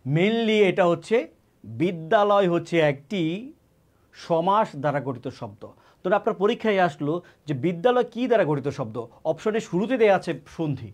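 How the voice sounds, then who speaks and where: A man's voice: sits high, sing-song, moderate pace, a little mellow. A man giving an exam-prep grammar lesson, often repeating key words and asking and answering his own questions. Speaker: teacher.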